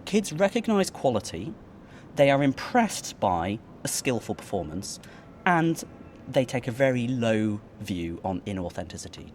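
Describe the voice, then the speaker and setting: Animated man, lively pitch. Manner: animated, articulate storyteller. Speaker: cathedral organist and educator. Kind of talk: interview conversation. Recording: faint background noise.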